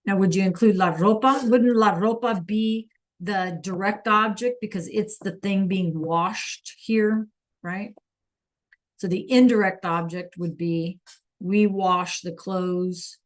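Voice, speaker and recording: A woman's voice: medium pitch, steady tone, takes it slowly. A woman teaching a Spanish lesson online, patiently checking in with her students and praising answers from the chat.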